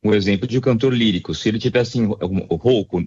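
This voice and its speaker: Um médico otorrinolaringologista, especialista em voz, responde a uma entrevista de rádio com sotaque brasileiro, explicando com calma e muitas hesitações. His male voice sits on the low side and sounds slightly rough, and the audio is dull.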